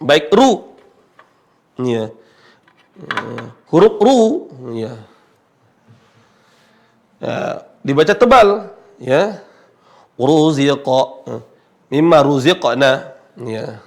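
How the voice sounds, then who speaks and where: Man, recitation teacher, patient, slow-paced, fairly high voice, stretches out example sounds. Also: sing-song. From Indonesia. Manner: patient, repeats points with drawn-out example sounds. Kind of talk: Islamic TV lesson.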